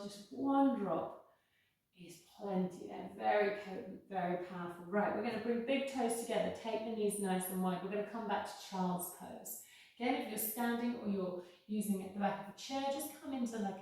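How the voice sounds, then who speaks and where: Female yoga teacher, higher-pitched, careful and unhurried, reassuring instruction, very roomy and slightly distant recording. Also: darkish tone. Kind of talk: guided yoga class instruction. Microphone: worn mic near the face. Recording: very echoey room, distant-sounding.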